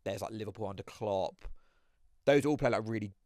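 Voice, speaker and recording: A man's voice: fairly low pitch, a little fast, a little mellow, no echo, studio quality. Rambling man chatting football. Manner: rambling, thinks aloud with many "like" fillers. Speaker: podcast co-host. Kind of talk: casual football chat.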